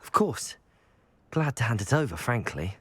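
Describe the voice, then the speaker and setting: In video game dialogue acting, a young man plays a polite, helpful teenage student, speaking courteously and earnestly. His medium-pitched voice is very animated, fairly bright and slightly rough, at normal speed.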